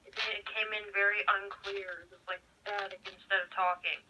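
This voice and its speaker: A woman's voice: mid-range voice, flat delivery, normal speed, pushed and bright. A woman dispatcher answering in terse, clipped radio procedure talk, heard over a handheld two-way radio speaker. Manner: clipped call-and-response phrasing. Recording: distant, static-filled radio transmission.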